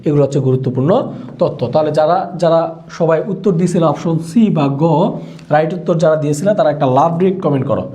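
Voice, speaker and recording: A man's voice: fairly high pitch, quick pace, dark tone. A man from Bangladesh, teaching a live online exam-prep lesson and repeating questions to drill answers. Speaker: Bangla teacher for admission exams.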